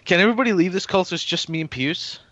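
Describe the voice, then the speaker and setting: A man's voice: high voice, racing, fairly bright tone. A young man hosting a casual gaming session over a voice call, crude and mocking, laughing often. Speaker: let's play host. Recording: muffled lo-fi call audio.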